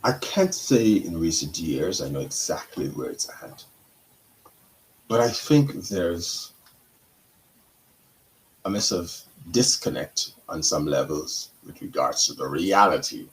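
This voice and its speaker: A middle-aged counselor from Guyana talks through a reflective monologue. His voice sits very low but moves a lot in pitch, lively and rising, and he takes his time. He pauses often and corrects himself mid-sentence. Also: low-quality recording. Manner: slow, deliberate, with pauses and self-corrections. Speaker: counselor and show host. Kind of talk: reflective monologue on a talk show.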